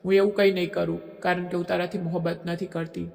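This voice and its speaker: A man's voice: high voice, steady tone, normal speed, vocal fry, soft background music. A man voicing a defiant young woman, echoey. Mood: defiant, pleading. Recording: echoey long reverb.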